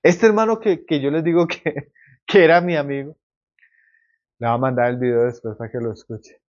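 A man preaching a sermon with passion, swinging between loud emphatic lines and quiet low ones, calling his listeners brothers. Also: normal speed, dull audio. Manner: repeats and addresses listeners as brother.

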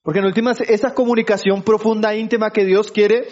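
A man's voice: high-pitched, flat delivery, fairly quick, a little mellow, dull audio. A man preaching to his congregation, calling them brothers and keeping them engaged with rhetorical questions. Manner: keeps asking the congregation for agreement; addresses listeners as brothers. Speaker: pastor. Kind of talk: sermon.

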